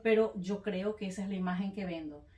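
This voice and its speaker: A woman explains her points slowly and carefully, like a teacher guiding a small group, and often adds short affirming sounds. Her voice is mellow and warm. It is heard from a distance in a room that echoes. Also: mid-range voice, fairly even intonation. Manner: measured, explanatory, with frequent affirming interjections. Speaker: evangelist and speaker. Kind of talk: calm teaching in a faith conversation.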